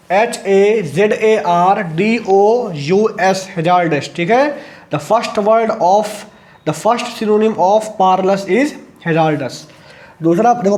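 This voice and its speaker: A man's voice: high-pitched, a little mellow. A man with an Indian accent teaching English vocabulary for exams, spelling words out letter by letter and quizzing his listeners again and again. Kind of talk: exam-prep vocabulary lesson.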